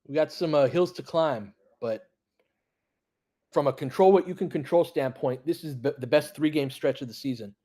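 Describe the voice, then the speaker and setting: A man whose voice is a little high and warm talks at a moderate pace while hosting a basketball live stream. Formerly a high school coach, he combines laid-back play-by-play with partisan, sweary fan opinions, responding to plays and chat.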